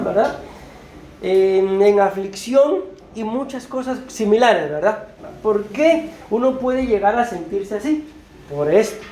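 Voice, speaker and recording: A woman preaches a sermon, her voice dark and mellow. She keeps checking in with rhetorical "right?" tags and addresses the congregation warmly as brethren. The sound carries the roomy echo of a church, with a faint hum of ambience behind it. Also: medium pitch.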